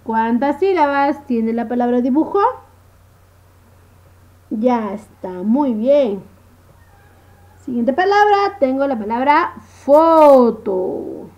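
Teaching phonics to first graders, a primary school teacher uses a slow, sing-song high voice, drawing out words and repeatedly checking in with the children. The audio has its highs cut off.

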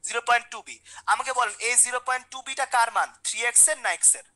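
Woman teacher, quick and high-pitched, coaxing and repetitive. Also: bright, forceful tone, poor audio. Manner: repeats questions, coaxes students by name. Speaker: chemistry teacher. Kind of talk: online class lecture.

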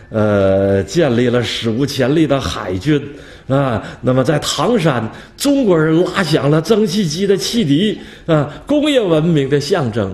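A man's voice: mid-range voice, darkish tone. A male history professor gives a storytelling lecture, posing rhetorical questions and chuckling at his anecdotes. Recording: roomy lecture hall echo.

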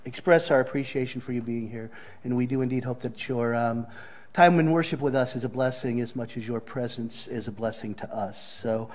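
A man's voice: medium pitch, darkish tone. A man with a Southern accent welcoming a church congregation and giving announcements in a friendly way, with frequent ums. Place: church sanctuary.

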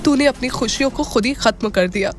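A woman's voice: a little high, fairly quick, faint music behind, lightly acted. Woman voicing a scolding young male friend. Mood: exasperated. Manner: scolding, raised voice. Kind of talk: audio drama dialogue.

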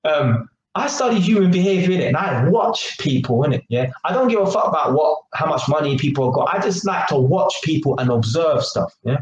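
Speaking briskly with few pauses, a young man in his 20s delivers a slangy, animated monologue to his webcam, held at arm's length in a cramped kitchen. His voice sits on the high side, he gestures and keeps tossing in "yeah?", and the sound is dull, echoey and lightly noisy.

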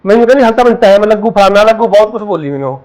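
An actor in a Punjabi short film plays a young man on night duty, aggrieved as he insists and complains to his mother and sister-in-law. His high-pitched, expressive voice is very fast and a little mellow.

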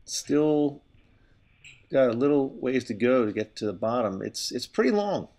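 A man's voice: mid-range voice, big pitch swings, measured pace, darkish tone. A middle-aged man, out of breath, giving stop-and-start commentary while skiing outdoors, recorded on a helmet camera. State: winded from exertion. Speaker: skier filming with a helmet camera. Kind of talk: casual narration while skiing. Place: outdoors on a steep ski slope. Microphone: helmet-mounted camera.

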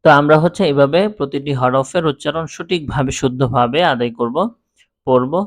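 A man teaching Quran reading, spelling out letters in a slow, drawn-out drill and then explaining calmly. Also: mid-range voice. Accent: Bangladeshi Bengali. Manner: drawn-out, deliberate recitation of letters.

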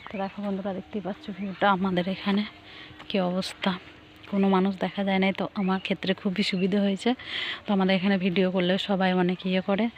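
A woman talking softly and chattily into her phone outdoors in the cold early morning, sounding chilled. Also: medium pitch, flat delivery, fast talker, highs cut off. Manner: soft, hushed, chatty. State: cold and shivering. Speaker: village vlogger. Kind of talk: casual vlog walkthrough. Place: outdoors in foggy fields at dawn. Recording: faint outdoor noise.

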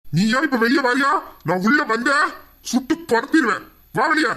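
A woman voicing a gruff, threatening male businessman who barks commands in an animated story. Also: sits high, moderate pace, a little hiss or hum. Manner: barking, menacing commands.

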